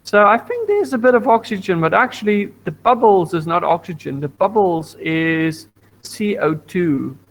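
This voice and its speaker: High-voiced male teacher on a video call. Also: big pitch swings, moderate pace, rough recording. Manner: patient, repeats points, asks class questions. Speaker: science teacher. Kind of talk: online class lesson. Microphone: computer mic on video call.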